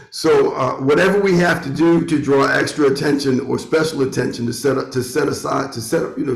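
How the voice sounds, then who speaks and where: Middle-aged male musician, conversational, halting and repetitive phrasing, fairly high pitch, echoey home studio. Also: gravelly. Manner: halting, repeats phrases as he reasons. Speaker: musician, guest. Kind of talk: casual chat. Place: bedroom turned home studio. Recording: roomy, echoing internet call audio.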